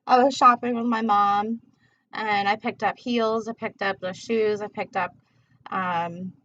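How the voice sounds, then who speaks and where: A woman's voice: medium pitch, fairly even intonation, measured pace, fairly bright tone, slight background noise. A woman with a mid-range voice chats casually to her livestream viewers while smoking. Her delivery is laid-back and rambling, full of loose, slangy asides. The audio is dull and lo-fi. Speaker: tarot reader hosting a livestream.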